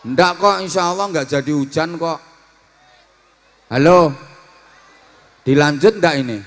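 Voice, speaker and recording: Joking preacher in an echoing hall. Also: male voice, a little high, fairly quick. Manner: lively, acts out greetings in many voices, teasing the audience. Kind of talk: humorous Islamic sermon. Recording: long hall reverb.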